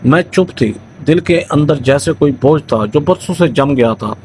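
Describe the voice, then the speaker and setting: A man narrating a first-person story in a steady, dramatic, scripted reading voice into a close mic. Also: fairly high pitch, a little hiss or hum, poor audio.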